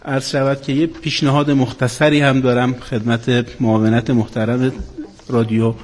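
A man speaking formally off the cuff as a guest scholar, measured in manner, in a reverberant hall. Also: medium pitch, a little mellow. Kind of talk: formal extempore speech.

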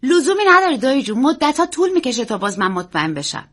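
A woman's voice: high-pitched, voice pushed up, full character voice. A woman voicing an earnest, secretive young boy who talks in an urgent, pleading way. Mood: excited. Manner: urgent, pleading, quick and excited.

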